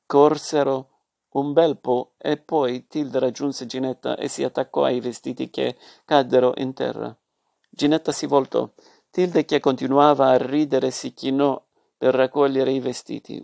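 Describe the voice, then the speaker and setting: A man reading a story aloud as its narrator, in a measured, expressive way. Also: mid-range voice, creaky, no echo.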